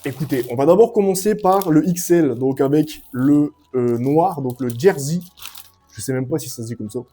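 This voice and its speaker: A young man giving a casual, excitable clothing review at home, full of slang and hype. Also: fairly high pitch, moderate pace, soft background music. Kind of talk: casual product review vlog. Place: at home, sitting and standing up to show clothes.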